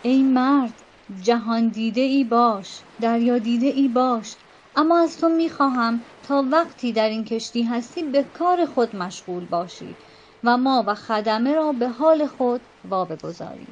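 A woman voicing a proud, short-tempered male ship captain in a storybook reading, speaking in sharp, impatient bursts. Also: fairly high pitch, lively intonation, a little hiss or hum, lightly acted. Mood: stern. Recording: dull lo-fi with faint music.

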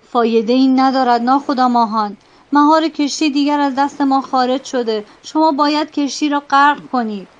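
A woman's voice: fairly high pitch, steady tone, few pauses, dull audio, close to an everyday voice. A woman voicing a desperate male head sailor who pleads urgently with his captain. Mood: pleading.

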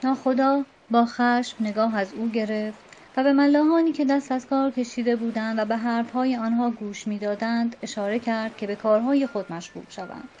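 A woman narrating a storybook tale in an even, measured reading. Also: on the high side, a little hiss or hum. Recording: dull lo-fi with faint music.

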